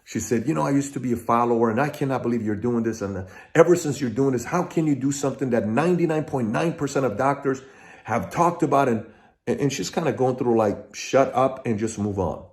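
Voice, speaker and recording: A middle-aged Iranian man runs his own channel, delivering commentary straight to his audience in a mid-range, slightly mellow voice that moves a little fast. He makes his case emphatically through lists and often begins again.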